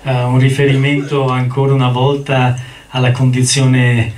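A male lecturer talks about a novel in a thoughtful, halting way, pausing often to hesitate. His mid-range voice echoes through a roomy hall. He sits well away from the mic. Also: mid-range voice, completely flat delivery, darkish tone, distant mic, a little hiss or hum. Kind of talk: literature lecture.

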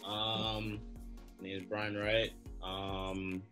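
Canadian man, pro forward, low and subdued, faint music behind. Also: little pitch movement, extremely slow. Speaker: professional soccer forward.

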